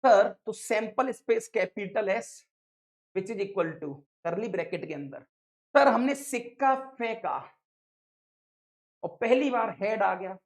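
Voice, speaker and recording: Lively and playful, a woman with a slightly high voice teaches probability in an online maths lecture for exam takers, speaking to them as sir and dada.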